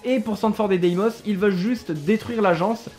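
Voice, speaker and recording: A man's voice: high-pitched, moderate pace, a little mellow, faint music behind. A man hosting a video, telling a story in a casual, jokey commentary style with offhand swearing. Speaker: YouTube host.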